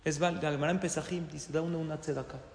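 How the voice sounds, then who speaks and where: Guy teaching a torah class to a room full of people, kinda high voice, lots of echo. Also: fairly even intonation, fast, creaky, a little hiss or hum. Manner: asks the audience rhetorical questions. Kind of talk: religious class lecture. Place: hall with live listeners. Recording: roomy hall with long reverb.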